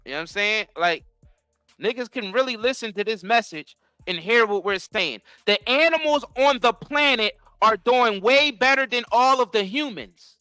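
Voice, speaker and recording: A high, bright-voiced man with who talks earnestly and a little preachily while co-hosting a casual talk show. His tone is smooth and clear. The sound is dry and close, with faint music underneath. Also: expressive, normal speed, no echo. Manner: earnest, preachy, frequent affirmations like "facts". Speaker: podcast co-host.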